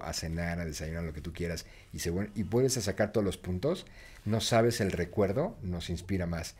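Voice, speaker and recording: Mexican guy, kinda low voice, chatty and encouraging, nudging people to try stuff. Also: dark tone, breathy edge. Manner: reflective, encouraging, urges listeners to act. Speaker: guest speaker. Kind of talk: casual conversation.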